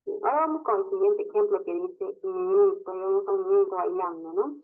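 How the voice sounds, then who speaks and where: A teacher walks through a lesson step by step, tagging sentences with little questions to check the class is following. The voice sits at an ordinary middle pitch. It comes through narrow and tinny, like a phone line. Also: a little fast, soft background music. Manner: explains step by step, constantly adds a questioning tag. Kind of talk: online class lecture.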